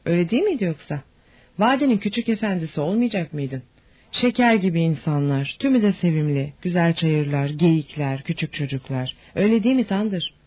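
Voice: medium pitch, expressive, brisk, husky, no room sound. A reader doing a sarcastic mocking officer. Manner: teasing, mocking. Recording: dull lo-fi audiobook recording.

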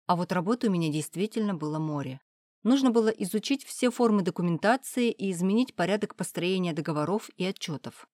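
Brief: woman narrator, low voice, dry close mic, steady audiobook read. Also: brisk, dry recording. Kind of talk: first-person audiobook narration.

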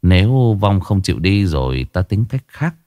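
A man voicing a calm elderly Buddhist monk who gives unhurried, gentle instructions. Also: low voice, no room sound, clean studio sound.

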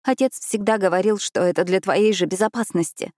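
A woman's voice: medium pitch, fairly quick, darkish tone, no room sound, clean studio sound, natural voice. A woman voicing a timid, guilt-ridden young woman who pleads and apologizes in an audiobook. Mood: pleading. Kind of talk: audiobook character voice.

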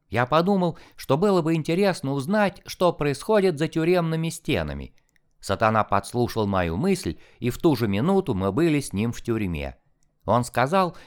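Man reading a storybook aloud, lively pitch, expressive delivery. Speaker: audiobook narrator. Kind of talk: scripted narration.

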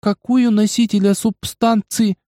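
A man's voice: sits high, level tone, measured pace, warm tone, no room sound, studio quality, voice pushed up. A man voicing a young undead pet girl who is coy, childish and capricious. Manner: childish, wheedling coquettish lilt.

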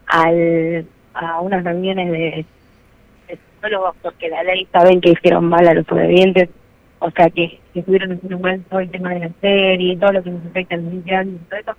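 A woman's voice: fairly low pitch, little pitch movement, moderate pace, dry recording. A woman guest in a remote radio interview, talking earnestly through a distant, muffled headset mic on a call. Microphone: headphone headset on a call. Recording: tinny, dry phone-like call audio.

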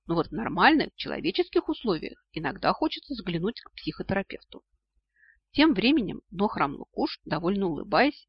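Male audiobook reader, high husky voice, ironic delivery, dull dry recording. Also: dry recording. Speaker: audiobook narrator. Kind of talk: scripted narration of a novel.

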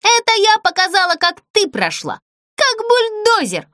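A woman voicing a bratty, spoiled young girl doll in a storybook, shrill and bossy. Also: huge pitch swings, unhurried, sharp tone, no echo, studio quality, heavily acted.

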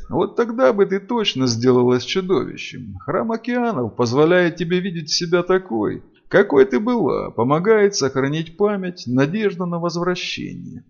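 A man voicing a solemn elf woman who keeps a temple, speaking softly and earnestly on a dull lo-fi recording. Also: high voice, creaky, pitched above the performer's own voice, exaggerated voice. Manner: soft-spoken, earnest, pleading.

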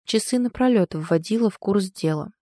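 A woman reading first-person audiobook narration in a measured, calm storytelling manner. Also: medium pitch, dry recording, clean studio sound.

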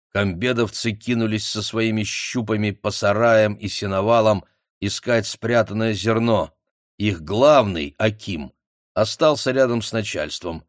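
A man narrating an audiobook in a measured, expressive reading. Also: on the low side, no room sound, studio quality. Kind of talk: scripted narration.

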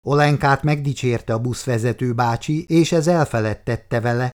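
A man reading an audiobook aloud in a calm, measured storytelling manner. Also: medium pitch. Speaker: audiobook reader. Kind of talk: scripted narration.

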